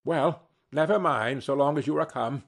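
A man voicing a warm-hearted, fussing working-class Victorian mother in a storybook, bustling and exclaiming in a homely way. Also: a little high, moderate pace, gravelly. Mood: affectionate fussing.

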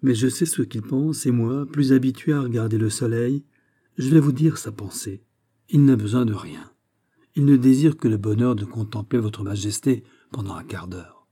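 A man voicing a bold, witty musketeer captain in an audiobook reading, speaking in an animated, emphatic way. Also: medium pitch, moderate pace, breathy edge. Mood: eager.

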